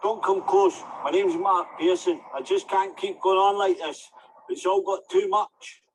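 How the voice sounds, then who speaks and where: A man's voice: high voice, steady tone, unhurried. A man with a broad Glaswegian Scottish accent, playing a despairing man in crisis in a training role-play. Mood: agitated, warning. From Glasgow, Scotland. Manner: despairing, resigned. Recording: noisy video clip with background ambience.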